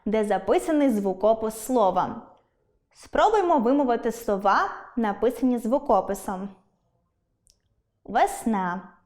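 Female teacher, fairly high voice, clear and deliberate, leans on example words, scripted school lesson. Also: darkish tone.

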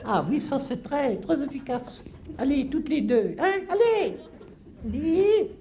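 A man's voice: expressive, slow pace, dark tone, exaggerated voice. An actor playing a cantankerous, chatty old countrywoman, rambling and scolding in a live comedy sketch. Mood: comforting. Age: over 70. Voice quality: shrill, quavering, cackling. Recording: live stage with audience laughter and noise.

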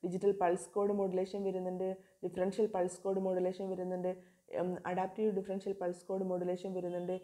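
A woman teaches a recorded class. Her voice is mellow and dark, and her pitch barely moves. She asks a question and answers it herself, again and again, the way a teacher talks a class through a topic. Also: monotone. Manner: reads English definitions slowly. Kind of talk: video lecture.

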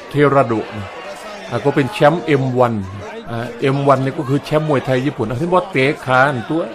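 A man with a Northeastern Thai Isan accent calls a fight play by play at an ordinary, mid-range pitch. He jokes and chuckles as he talks, chatty and loose. A clear crowd roar sits behind his voice. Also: fairly quick. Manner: joking, chatty, chuckles often. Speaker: fight commentator. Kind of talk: humorous play-by-play commentary. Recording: crowd noise from fight footage.

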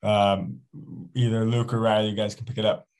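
Brief: man, lowish voice, upbeat moderator of a video-call event. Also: flat delivery, moderate pace, darkish tone, clean tone. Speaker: moderator of online open house. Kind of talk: hosting a virtual event.

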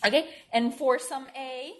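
A woman's voice: sits high, fairly even intonation, measured pace. Woman lecturing, casual and self-correcting. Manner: informal, checks in with "right?", self-correcting. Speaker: mathematics lecturer. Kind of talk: university lecture at a board. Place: lecture room.

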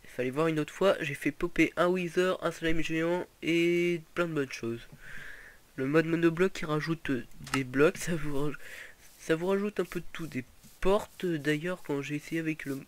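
A man's voice: on the high side, normal speed, slight background noise. A young man giving casual gameplay commentary, rambling with lots of fillers and restarts. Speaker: gaming video host.

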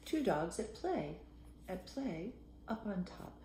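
Slow, playful older woman reading aloud. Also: medium pitch, very animated, slight background noise. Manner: slow, playful reading with soft whispered asides to the child. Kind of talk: reading a picture book aloud to a child. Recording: roomy echo.

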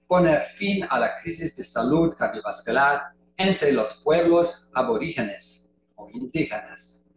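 Speaking deliberately in a second language, an older man from Canada delivers a prepared conference lecture at a slow, careful pace. His pitch is fairly high. The sound comes through a video call webcam, with room echo and faint background noise.

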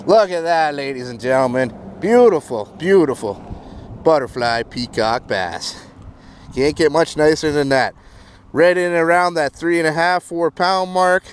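Man, fishing vlogger on a canal bank, action-cam audio, slightly high voice, excitable, with clear outdoor noise behind. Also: measured pace. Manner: excitable, exclaiming at catches. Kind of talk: casual fishing commentary. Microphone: wearable action camera.

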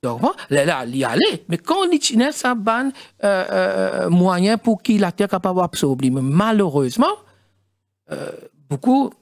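A middle-aged man with a Mauritian accent, a studio guest explaining in halting speech with many fillers and restarts. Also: high-pitched, very animated, vocal fry, dry recording. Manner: halting, mixes French and Creole, many fillers. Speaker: studio guest, former district council president.

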